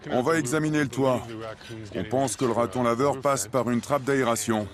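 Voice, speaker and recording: A man's voice: medium pitch, normal speed, crowd noise, natural voice. A man dubbing a focused wildlife catcher who comments on his work in a documentary. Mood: businesslike. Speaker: animal catcher in a dubbed documentary. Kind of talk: dubbed documentary reality commentary. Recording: music behind the voice.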